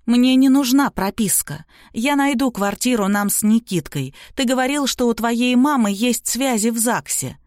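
A woman's voice: fairly high pitch, expressive, moderate pace, few pauses, a little mellow, no room sound, clean studio sound, voice pushed up, lightly acted. A woman voicing a young woman who speaks in an earnest, pleading way.

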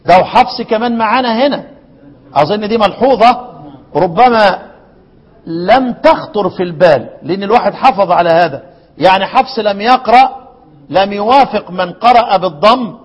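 A man with an Egyptian accent teaching Quran recitation to a class, asking questions and dropping into slow chanted verses. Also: high-pitched, muffled recording. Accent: Egyptian Arabic. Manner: asks the class questions and repeats answers. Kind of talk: classroom lesson. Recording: long hall reverb.

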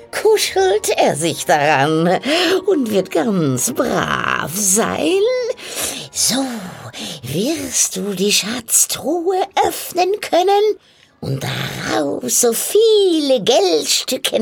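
A woman voicing a sly, ugly old witch who croaks, cackles and coaxes. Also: full character voice. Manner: wheedling, cackling, sudden shrill rises.

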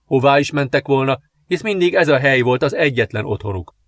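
A man reading a fantasy novel aloud in measured, dramatic scripted narration. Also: mid-range voice, expressive, a bit bright, no room sound. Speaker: audiobook narrator.

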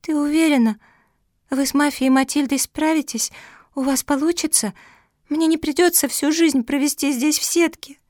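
A woman's voice: high-pitched, animated, normal speed, few pauses, a bit bright, no room sound, clean studio sound, pitched above the performer's own voice. A woman voicing a small, stubborn, honest girl pug puppy in a storybook reading, insistent and emphatic. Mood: tearful.

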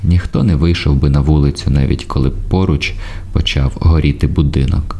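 A man reading a literary audiobook in a measured, even way. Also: extremely low pitch, breathy edge. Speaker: audiobook narrator.

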